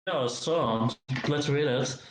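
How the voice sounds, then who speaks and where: A man, an esports player, answering post-match interview questions over a call, his voice echoing as if in a cave, halting and repeating words. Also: mid-range voice. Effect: echoey cave-like sound on his voice. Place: living room. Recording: roomy echo over an online call.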